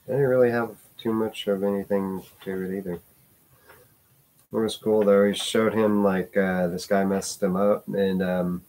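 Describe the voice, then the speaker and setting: A man's voice: lowish voice, level tone, unhurried, a little mellow. A man talking casually in a rambling vlog, full of hesitations and restarts, with the odd swear word. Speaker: vlogger.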